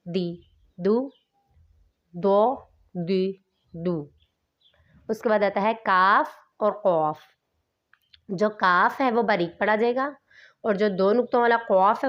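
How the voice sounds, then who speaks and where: A woman's voice: mid-range voice, dull audio. A woman teaching Quran reading, patiently explaining and then carefully enunciating each letter sound in turn. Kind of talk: slow instructional recitation lesson.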